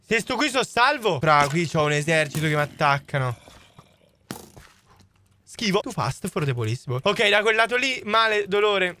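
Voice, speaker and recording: A young man playing a video game with friends, commenting excitedly, swearing and making sound effects. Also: high-pitched, a little hiss or hum. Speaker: gaming streamer. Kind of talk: casual let's-play commentary.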